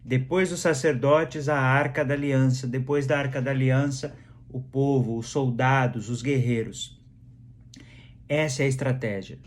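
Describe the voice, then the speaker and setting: Brazilian male pastor, conversational sermon, mid-pitched, slow and repetitive for emphasis. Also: steady tone. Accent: Brazilian Portuguese. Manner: conversational preaching, repeats phrases for emphasis.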